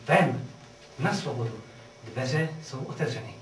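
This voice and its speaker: Guy acting young lover begging her to run, urgent and hushed, old radio drama verse, echoey and far from the mic. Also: medium pitch, animated, slight background noise, natural voice. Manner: urgent, hushed then loud calls, declamatory verse. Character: young man breaking his lover out of prison, urgent. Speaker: actor in a radio play.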